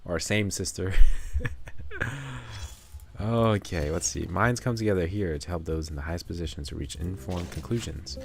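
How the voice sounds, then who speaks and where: A man's voice: low voice, moderate pace, gravelly, slight background noise. A male streamer reading a story game aloud in a laid-back, joking way. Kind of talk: casual gameplay commentary. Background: soft background music.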